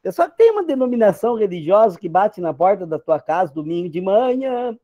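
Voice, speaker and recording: Joking Brazilian pastor, lively and casual. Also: male voice, high voice, a little fast, lo-fi sound. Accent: Brazilian Portuguese. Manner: joking, conversational, animated asides. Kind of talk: informal sermon talk.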